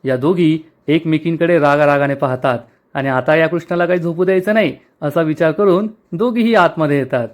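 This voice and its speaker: A man retelling a TV serial episode in lively storytelling style. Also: fairly high pitch, a little fast. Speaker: serial recap narrator.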